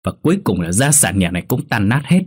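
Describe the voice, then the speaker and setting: A man voicing a stern, quick-tempered wealthy old landlord who scolds and makes demands. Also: fairly low pitch, sing-song, a little mellow, breathy edge. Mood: furious.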